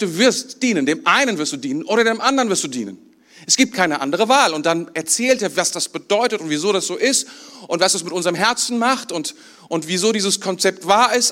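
A man with a high voice preaches a sermon to his congregation. He keeps it conversational and often checks in with his listeners. He speaks as their pastor, standing in church. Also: a bit bright. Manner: conversational, asks the congregation questions.

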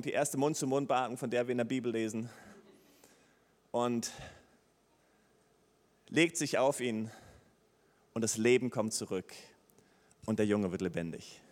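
A man preaching a sermon, retelling a Bible story with lively, acted-out dialogue. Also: mid-range voice. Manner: lively storytelling preacher, acts out the characters' lines. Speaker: pastor. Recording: long reverb of a hall.

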